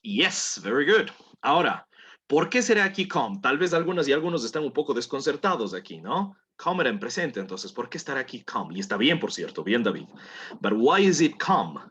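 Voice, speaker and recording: A man's voice: mid-range voice, sing-song, moderate pace, a bit bright, husky. A man teaching a language class, patiently coaxing students through pronunciation drills and repeating words for them to copy. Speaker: English teacher.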